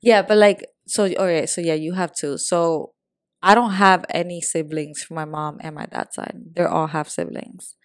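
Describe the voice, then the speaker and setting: A woman's voice: on the low side, fairly even intonation, normal speed, dry recording, clean studio sound. A young woman from Puerto Rico and the Dominican Republic co-hosting a podcast, talking in a casual, candid and slangy way. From born in Puerto Rico, raised in the Dominican Republic. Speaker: podcast co-host. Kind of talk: casual chat.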